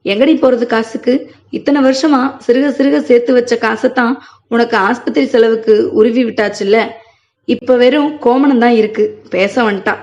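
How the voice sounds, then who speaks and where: A woman's voice: on the high side, normal speed, darkish tone, lightly acted. A woman reading as an angry older butcher. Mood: gruff, scolding. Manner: gruff, scolding, bitter. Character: angry older village goat butcher, a man. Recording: muffled lo-fi recording.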